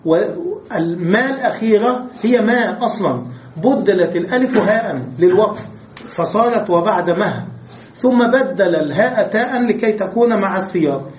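Guy teaching arabic grammar, high voice, keeps asking the class questions, echoey room with a little hiss. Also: expressive, normal speed. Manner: explains step by step, asks the class rhetorical questions. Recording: echoey room with faint noise.

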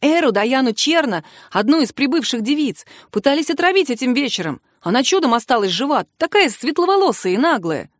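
A nervous young court clerk, put on by a woman reader, blurts out bad news in a breathless, pleading rush. The voice sits fairly high and is recorded close and dry. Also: very animated, fairly quick, few pauses, dry recording. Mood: alarmed. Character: jittery young male court assistant, panicky.

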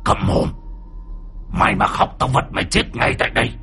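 A man's voice: very deep voice, moderate pace, fairly bright tone, husky, soft background music, pitched below the performer's own voice, full character voice. A man voicing an old man possessed by a spirit, speaking in a cold, threatening growl. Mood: menacing.

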